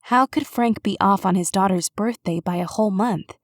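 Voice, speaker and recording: Woman audiobook narrator, measured even read, mid pitch, dry close studio mic. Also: no room sound. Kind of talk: scripted narration.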